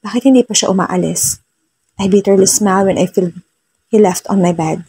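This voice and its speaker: A woman narrating a romance story in the first person, soft-spoken and switching between Tagalog and English. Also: medium pitch, normal speed, slight background noise.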